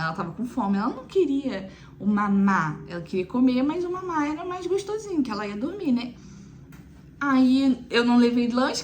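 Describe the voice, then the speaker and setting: A woman's voice: a little high, slight background noise. A young woman, chatting casually to viewers as a mother recounting her experience, with frequent "né" asides. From Brazil. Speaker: mother telling her weaning story.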